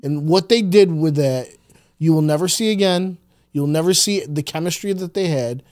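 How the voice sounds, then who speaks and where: A man's voice: a little high, normal speed, a little mellow, no room sound, studio quality. A man in his thirties, chatting eagerly on a podcast, rambling with many restarts. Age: 30s. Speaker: co-host. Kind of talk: casual podcast chat.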